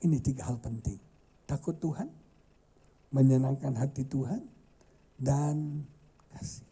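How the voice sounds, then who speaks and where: A male pastor preaching a sermon and telling stories, swinging from loud high outbursts to hushed tones. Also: unhurried, husky. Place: church hall.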